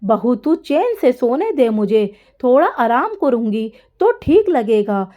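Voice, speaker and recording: A woman's voice: a little high, very animated, slow pace, warm tone. A woman voicing an irritable older mother-in-law who snaps and scolds when her rest is disturbed in a spoken story. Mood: weary. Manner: snappish and scolding.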